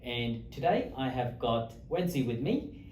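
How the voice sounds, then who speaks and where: Host role: a talkative, friendly man interviewing a guest, with a mellow tone, recorded a little away from the mic. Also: mid-range voice, sing-song, measured pace, slight background noise. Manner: friendly, talkative with frequent fillers and restarts. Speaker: host, lawyer. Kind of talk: interview chat. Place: office or meeting room in Australia. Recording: echoey room, mic at a distance.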